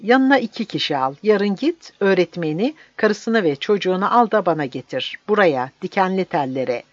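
Cruel army major, as a narrator plays him, loud barked threats, dull dry sound. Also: medium pitch, animated, normal speed, no echo, pitched above the performer's own voice, natural voice. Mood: threatening.

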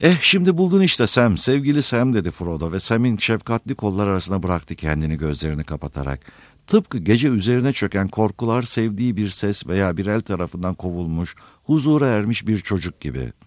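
A man with a low voice narrates a fantasy novel with lively, swinging intonation. His reading is dramatic and the recording sounds dry and close, with no room around it. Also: brisk, dry recording. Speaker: audiobook narrator. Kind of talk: expressive audiobook narration.

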